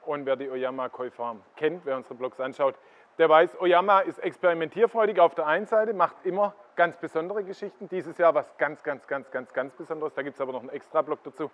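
A man's voice: fairly high pitch, a little fast. Middle-aged man explaining koi on a tour. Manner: explanatory, pointing viewers to fish. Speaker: koi dealer giving a farm tour. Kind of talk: walking tour commentary. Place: greenhouse koi ponds, indoors. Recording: slightly dull lo-fi sound.

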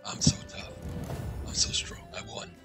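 A man's voice: moderate pace, in a whisper, over music, low-quality recording. A man casually commenting as he plays a video game, playful and joking. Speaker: game streamer. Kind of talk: casual let's-play commentary.

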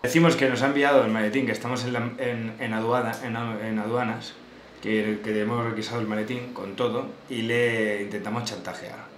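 Hosting a prank show from a small indoor home office, a Spain-accented man in his thirties keeps the banter casual. He speaks a little fast in a fairly low, flat voice, and the room adds echo and faint noise.

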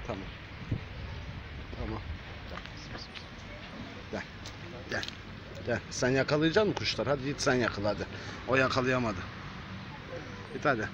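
In a casual vlog, a man with a medium-pitched voice talks to stray cats, calling and coaxing them with short phrases he repeats over and over. He speaks a little slowly with long pauses, and the dull lo-fi audio picks up clear street noise.

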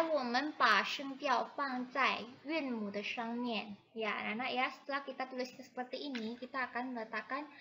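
A female primary teacher with a high, very bright and piercing voice leads a lesson for first graders. She speaks patiently, keeps checking in with the children, and calls out each syllable loudly and slowly for them to copy. She moves between Indonesian and Mandarin as she teaches. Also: low-quality recording. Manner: patient, repeats "ya" and "anak-anak" constantly; drawn-out, loud modeling of syllables.

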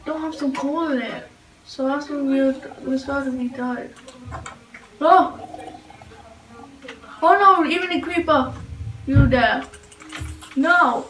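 High-pitched woman gamer, slow and halting, yelps in panic; roomy off-mic sound, game music behind. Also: far from the mic. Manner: panicky, frequent yelps and exclamations; halting, repeats and restarts phrases. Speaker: gamer host. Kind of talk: let's-play gameplay commentary.

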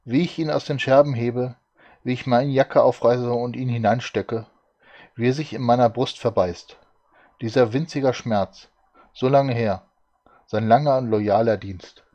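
A man reads a novel aloud in a calm, measured storytelling way. His voice sits at a middle pitch. The recording sounds dull and lo-fi. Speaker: reader.

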